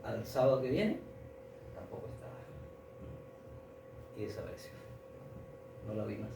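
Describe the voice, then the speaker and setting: A man preaching and retelling a story, circling back over his words with halting restarts. He stands well away from the mic, and the room rings with echo. Steady background ambience runs beneath him throughout. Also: lowish voice, creaky, noisy background. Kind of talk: sermon storytelling. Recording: echoey room, distant mic, audible ambience.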